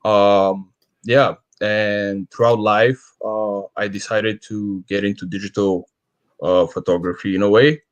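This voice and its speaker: A man from Bulgaria, a guest photographer, speaking in a halting, casual way on a video call. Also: lowish voice, no echo. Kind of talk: casual interview talk.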